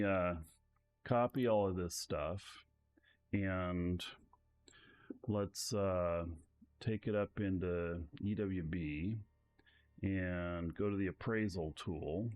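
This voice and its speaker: A man casually commentating a game live stream, thinking aloud in a relaxed way. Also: deep voice.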